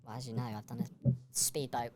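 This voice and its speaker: A man's voice: level tone, fairly quick, very noisy. British man with a chipmunk-like shifted voice. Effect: pitch-shifted chipmunk-like voice. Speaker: podcast host. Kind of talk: casual chat.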